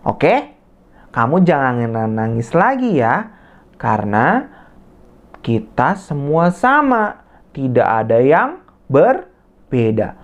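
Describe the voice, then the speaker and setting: A woman voicing a kind young girl who comforts her friend in a children's story, speaking gently and soothingly. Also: medium pitch, expressive, takes it slowly, pitched above the performer's own voice. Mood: comforting. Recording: slightly muffled lo-fi audio.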